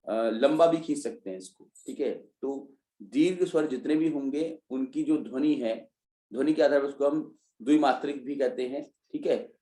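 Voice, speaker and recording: Hindi teacher man with a mellow, echoey voice. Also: medium pitch. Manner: explains step by step, asks and answers his own questions. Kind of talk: online revision class. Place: online class, students joining remotely.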